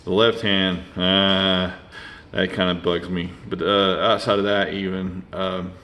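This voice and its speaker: Low-voiced man rambling casually. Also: level tone, measured pace, sharp tone. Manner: rambling, many fillers and restarts. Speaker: toy reviewer. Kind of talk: casual unscripted review.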